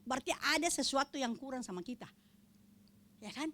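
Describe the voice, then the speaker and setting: Animated older woman giving testimony. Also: sits high, a little fast, slight background noise. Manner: animated, acts out quoted voices, drops to a whisper for emphasis. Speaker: testimony speaker at prayer fellowship.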